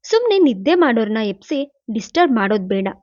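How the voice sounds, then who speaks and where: A stern, protective young doctor speaks in short, curt lines, voiced by a woman narrator. The voice sits fairly high for a man. The audiobook recording is dry and a little dull. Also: sing-song, a little fast, darkish tone, no room sound.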